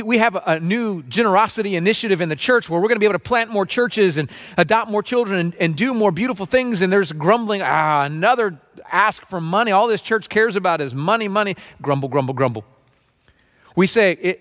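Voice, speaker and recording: A man in his forties preaching a sermon from a stage, earnest and conversational, often restarting phrases and mimicking a low grumble. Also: a bit bright. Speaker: pastor. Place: dim stage with spotlights, seated at small table.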